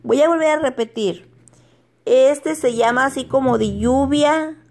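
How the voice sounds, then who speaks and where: Middle-aged woman vlogger, high-pitched, unhurried, giggly and homey. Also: darkish tone. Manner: chatty, laughs often, stumbles over English words. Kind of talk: casual home vlog.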